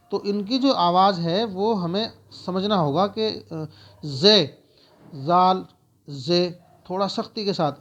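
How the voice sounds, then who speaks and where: A man teaching a spoken alphabet lesson, going through letters slowly and repeating each sound. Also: high voice, dull audio. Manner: slow, repetitive letter-by-letter explaining.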